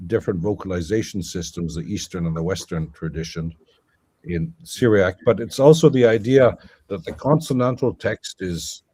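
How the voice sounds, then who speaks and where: In an academic conversation, a scholarly male guest explains things at length, lecturing as he thinks aloud, full of fillers and restarts. He speaks at normal speed in a low, mellow, slightly rough voice with no echo.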